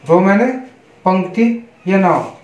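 Indian male tutor, high voice, spells words out deliberately, roomy lo-fi sound. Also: lively intonation, darkish tone. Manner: spells words letter by letter, then gives Hindi meanings; slow, deliberate, repetitive teaching. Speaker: English teacher. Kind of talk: online English pronunciation lesson. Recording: echoey, dull lo-fi room.

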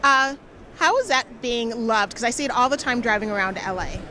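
A bubbly, excitable woman hosting an interview on a busy indoor show floor with a handheld mic. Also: on the high side, normal speed, slight background noise. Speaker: host and interviewer. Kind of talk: enthusiastic auto show interview.

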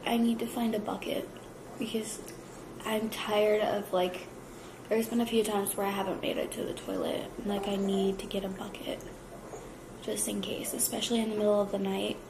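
A woman's voice: mid-range voice, little pitch movement, normal speed, roomy sound, noisy background. A young woman vlogging casually at home, chatty and full of fillers, nauseous and tired. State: nauseous, worn out. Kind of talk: casual vlog chat. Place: home kitchen.

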